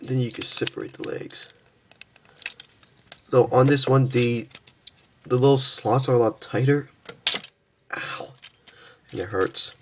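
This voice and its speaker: A young man casually reviewing and transforming a toy figure, halting and stumbling over his words, tired from just waking up. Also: mid-range voice, fairly even intonation, noisy background. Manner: halting, stumbles and restarts often.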